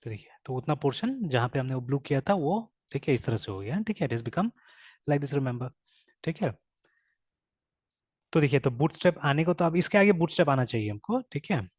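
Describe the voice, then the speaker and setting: A man's voice: mid-range voice, big pitch swings, moderate pace, breathy edge, no room sound. A man teaching a programming class who mixes Hindi and English, repeats his points and keeps saying "okay" as he explains step by step. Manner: mixes Hindi and English, says "theek hai" constantly. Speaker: programming instructor. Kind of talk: live coding lecture. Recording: dull, dry lo-fi mic sound.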